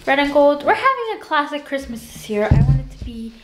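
A woman's voice: sits high, very animated, brisk, noisy background. A young woman in her twenties chatting casually to camera in a home vlog, upbeat and full of fillers. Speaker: vlogger. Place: home living room and bedroom. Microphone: camera on tripod.

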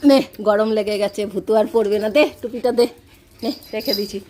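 A woman's voice: mid-range voice, fairly quick. A woman at home filming her pet dogs, mixing casual commentary with cooing baby talk to them. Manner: cooing, sing-song talk to pets, mixed with running commentary. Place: at home, indoors. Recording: loud background noise and barking dogs.

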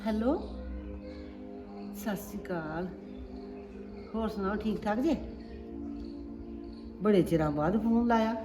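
A middle-aged woman playing a mother looking for a bride for her son, chatty and lively in her talk. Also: mid-range voice, slow, pauses often, over music, close to an everyday voice. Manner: chatty, animated on the phone. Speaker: mother of the groom.

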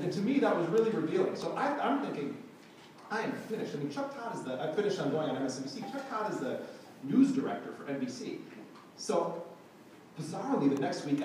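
A journalist and author giving a talk to a live audience, telling an anecdote in a sardonic, indignant way. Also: male voice, a little high, a little mellow. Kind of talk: public speech, anecdotal storytelling. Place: lecture hall before a live audience. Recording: echoey hall, distant mic, background noise.

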